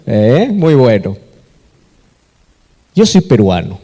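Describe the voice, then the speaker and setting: A man's voice: mid-range voice, very animated, slow pace, mellow. A Peruvian man preaching a sermon with emphasis, asking the congregation questions and answering them himself. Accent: Peruvian Spanish. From Peru. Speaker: pastor. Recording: echoey hall with long reverb.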